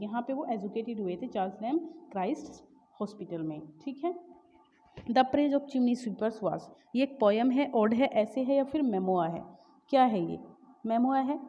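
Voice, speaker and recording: A woman teacher with a fairly high, mellow voice works through exam-prep questions, switching between Hindi and Indian-accented English. She reads each question out slowly, then explains it with fillers and self-corrections. The sound is dull and lo-fi, with a long reverb tail.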